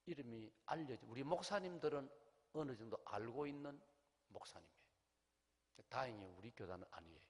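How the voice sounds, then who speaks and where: A man's voice: mid-range voice, expressive, fairly quick. A middle-aged man with a Gyeongsang accent, preaching a revival sermon. He tells a story animatedly, acts out the people in it and puts questions to the congregation. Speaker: pastor. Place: large church sanctuary. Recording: long hall reverb in a church.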